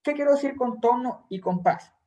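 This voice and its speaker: A man's voice: extremely high pitch, moderate pace, dark tone. A man teaching a recorded Hebrew grammar class, explaining terms patiently and reassuring his students.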